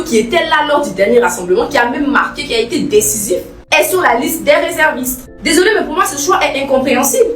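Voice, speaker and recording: A woman giving scripted commentary, firm and indignant, running through a list of names. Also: sits high. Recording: roomy, distant mic.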